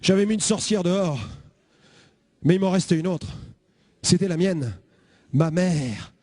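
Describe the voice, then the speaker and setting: Tell it big: a high-pitched preacher sharing his testimony, bursts of shouting, dry sound. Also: measured pace, no echo. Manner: animated storytelling, bursts of shouting. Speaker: evangelist. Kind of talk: testimony sermon.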